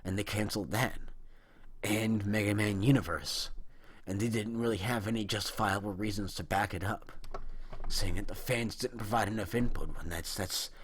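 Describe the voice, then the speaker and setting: This is a husky, fairly low male voice at a moderate pace, belonging to a video host in his early twenties. He rants indignantly about video games in a meandering monologue, frequently starting over, and his throat sounds dry and strained.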